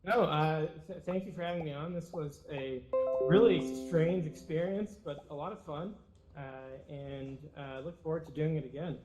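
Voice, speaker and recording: A male talk show guest whose voice sits a little higher than most men's. He answers quick questions casually and hesitantly, filling the gaps with ums and uhs before committing to a reply. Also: music in the background, low-quality recording.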